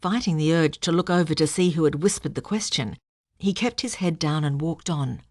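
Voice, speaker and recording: Brief: woman audiobook narrator, lowish voice, dry close sound. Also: moderate pace, a little mellow, no echo. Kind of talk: scripted narration.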